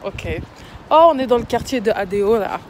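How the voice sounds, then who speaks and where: A woman's voice: on the high side, lively intonation, normal speed, a little hiss or hum. A young woman, chatting playfully in a casual vlog and slipping English words in. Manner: playful, mixes in English words, swings from loud teasing to quiet talk. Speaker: vlogger.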